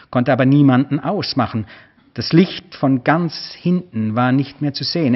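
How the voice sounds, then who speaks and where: A man's voice: medium pitch, lo-fi sound. Man reading literary prose aloud. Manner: measured, expressive reading. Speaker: author.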